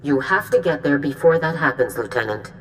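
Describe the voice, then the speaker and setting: A woman playing a stern, commanding military general in a video game, with a brisk, authoritative manner. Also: sits low, animated, slight background noise, rough recording. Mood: urgent, commanding. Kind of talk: video game cutscene acting. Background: music.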